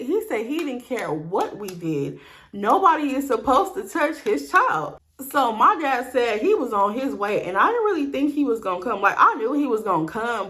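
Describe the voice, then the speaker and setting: A woman telling a personal story to her viewers in relaxed, slangy speech. She swears freely and acts out what each person said. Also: fairly high pitch. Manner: slangy, profane, acts out dialogue. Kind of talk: casual storytime.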